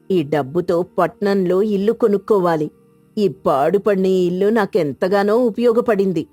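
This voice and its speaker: A woman's voice: fairly low pitch, a little mellow, dry recording. A woman voicing a scheming, greedy old village woman who fakes cures and mutters to herself.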